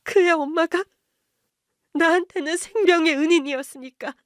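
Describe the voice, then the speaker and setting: A woman voicing a strong-willed middle-aged wife, insistent and emotional, in a higher voice and a dry recording. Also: normal speed, no room sound. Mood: anguished.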